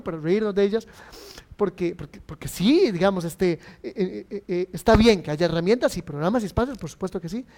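A man's voice: high-pitched, a little mellow. A man hosting a casual interview, chatty, often restarting his sentences.

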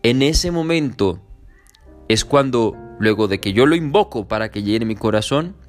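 An earnest male preacher delivers a sermon in a mid-range voice. He lifts his pitch to voice imagined pleas and scripture. Soft music plays faintly beneath him. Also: expressive, normal speed. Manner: earnest, rises in pitch for emphasis and quoted pleas.

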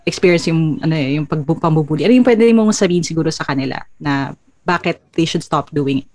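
A woman's voice: low voice, quick pace. A woman hosting a casual chat, switching between Filipino and English, laughing often and telling stories with energy. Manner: Taglish code-switching, laughs often, lively storyteller. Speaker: host.

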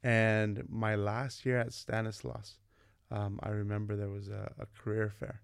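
A man's voice: fairly low pitch, measured pace, gravelly, smooth, no room sound, clean studio sound. A man in his forties, a vice principal from California, telling stories in a casual interview and acting out what people said. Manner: animated, acts out quoted dialogue in his stories. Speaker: vice principal, podcast guest.

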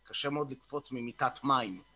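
Male group host on a video call: bright, tense tone, loose coaching talk, frequent "uh" and restarts. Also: mid-range voice, a little hiss or hum. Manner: informal, repeats words and fills pauses with "uh". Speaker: host of a morning group session. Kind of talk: casual coaching talk and guided meditation. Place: online video meeting.

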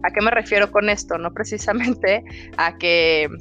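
A woman with a Mexican accent talks in a casual, frank way, full of slang. Her voice sits at a middle pitch, and faint music plays underneath. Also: moderate pace, fairly bright tone, lo-fi sound. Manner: frank and slangy, acts out dialogues with her kids. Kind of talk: casual chat.

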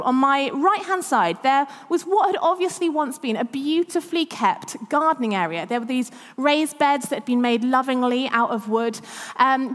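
A woman in her thirties with a high-pitched voice preaches in a large hall, sharing personal stories. She's chatty and self-deprecating, frequently laughing at herself.

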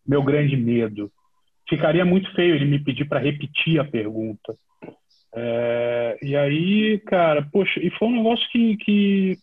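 A middle-aged Brazilian man tells his stories in an easy, rambling way, with plenty of fillers. His voice sits a little high and sounds husky. It comes through a thin, phone-like line. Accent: Brazilian Portuguese. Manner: relaxed, chatty, many fillers. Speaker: guest, TV sports reporter. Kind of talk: casual podcast storytelling.

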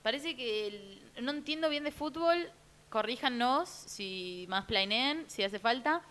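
Bright-voiced Rioplatense woman chatting. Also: on the high side, lively intonation. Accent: Rioplatense Spanish. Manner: chatty, playful, quick asides. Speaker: podcast co-host. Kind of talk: casual chat. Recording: faint hiss.

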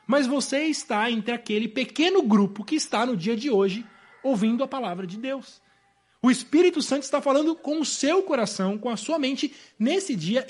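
A Brazilian-accented male preacher giving an evening sermon with a very high voice for a man. He preaches emphatically and often sinks suddenly to a hushed tone. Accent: Brazilian Portuguese. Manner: emphatic, with sudden drops to a soft voice.

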